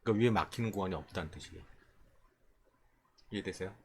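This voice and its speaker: Fast and low-pitched, a stock trading instructor explains stock charts in an informal screen-share tutorial, regularly checking in with quick rhetorical questions. Slight background noise sits behind his voice.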